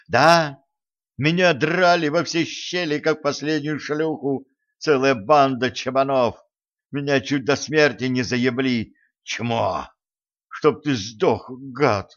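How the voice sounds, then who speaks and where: A man voicing a drunk, enraged woman who screams curses at her husband, in a dull audiobook recording. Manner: screaming insults, shrill.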